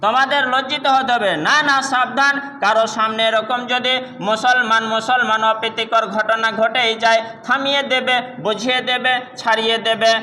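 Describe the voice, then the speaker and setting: A man's voice: very high voice, level tone, normal speed, bright, forceful tone. A man preaching a Friday sermon in an impassioned, repetitive style, drawing out some phrases in song. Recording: echoey hall, faint ambience.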